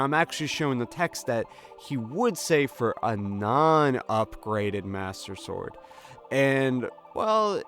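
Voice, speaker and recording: Hosting a video game series, a man offers casual, chatty let's play commentary, sounding informal and amused. His voice is medium-pitched and a bit bright, with video game music playing behind him.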